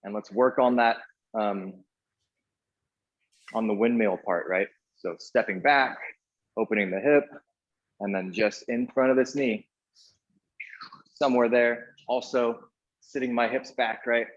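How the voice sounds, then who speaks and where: A man's voice: medium pitch, steady tone, a little slow, long pauses, muffled recording. A man coaching a live workout in an echoey indoor room, giving short cues and counting reps as he exercises along. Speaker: fitness coach leading a workout class.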